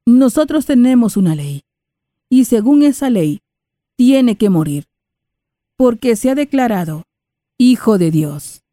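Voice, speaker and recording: A woman reading the part of an angry crowd of accusers, in high, loud, insistent calls. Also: big pitch swings, a little slow, pauses often, no echo, studio quality. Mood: demanding.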